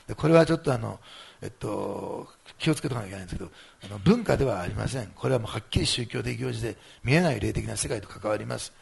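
A man's voice: mid-range voice, fast, gravelly, husky. A man preaching a sermon as pastor, in a conversational way with many small fillers.

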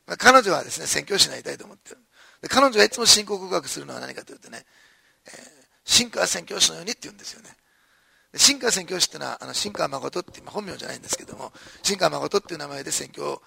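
A man's voice: a little high, creaky, bright, forceful tone, breathy edge, dry recording, clean studio sound. A man preaching a sermon in a conversational storytelling way, with chuckling asides. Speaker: pastor.

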